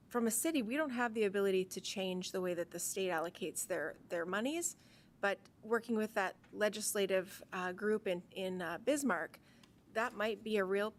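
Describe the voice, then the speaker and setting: A woman's voice: medium pitch, slight background noise. Direct-talking woman candidate. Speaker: mayoral candidate. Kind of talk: debate answer.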